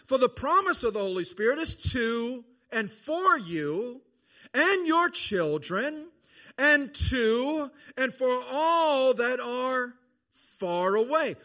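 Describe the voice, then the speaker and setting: Slow, emphatic high-voiced male preacher. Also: fairly bright tone. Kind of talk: sermon.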